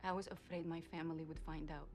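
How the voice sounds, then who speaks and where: An actress playing an earnest young Russian woman, a suspect speaking in a measured way in a TV crime drama. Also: sits low, little pitch movement, darkish tone, faint music behind, natural voice. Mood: earnest, pleading. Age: young adult. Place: interrogation room set, indoors.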